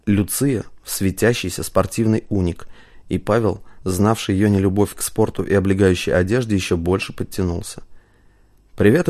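A man narrating an audiobook in a steady, measured reading style. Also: on the low side.

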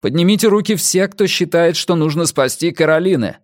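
Audiobook: a man voicing a desperate teen boy, barking orders at a raised pitch. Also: expressive, brisk, no room sound, studio quality, natural voice. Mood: commanding. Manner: yelling commands. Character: teenage boy, desperate and bossy. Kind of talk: audiobook reading.

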